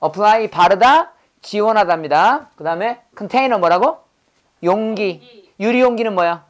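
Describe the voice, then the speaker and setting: A man's voice: high-pitched, lively intonation, measured pace. Man drilling English words in class. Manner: drills words, asks quiz questions, corrects pronunciation. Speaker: pastor teaching English vocabulary. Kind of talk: classroom lesson with call-and-response drills.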